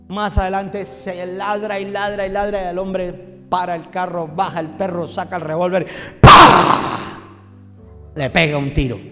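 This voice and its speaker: A Colombian man preaching a sermon as pastor, animated, acting out a joke with shouted lines. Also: high-pitched, long reverb tail. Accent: Colombian Spanish. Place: church.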